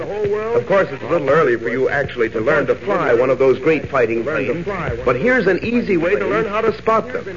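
A male announcer sells to youngsters in 1940s radio style. His voice is fairly high, eager and chummy. The sound is dull and vintage. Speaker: commercial announcer. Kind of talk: 1940s radio advertising pitch to children. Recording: muffled old radio broadcast recording.

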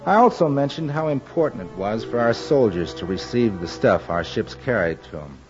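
A man's voice: lowish voice, big pitch swings, moderate pace, over music. A man playing a defiant, plain-spoken American merchant seaman in a 1940s radio drama style, with a stubborn streetwise manner. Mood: plain-spoken recounting. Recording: muffled old radio recording with hall reverb.

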